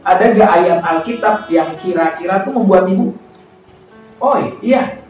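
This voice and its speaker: A man interviewing in a church setting, asking gentle questions and reading scripture slowly and with emphasis. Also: high-pitched, recorded from a distance. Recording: echoey hall, mic from afar, faint music.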